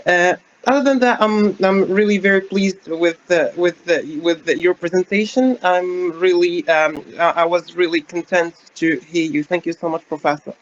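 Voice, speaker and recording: A young male student asks a question over a video call, pausing often with fillers. His voice is high for a man. The video-call audio sounds dull and lo-fi. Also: steady tone. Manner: hesitant, many fillers. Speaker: master's student asking a question. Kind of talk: asking a question in an online lecture.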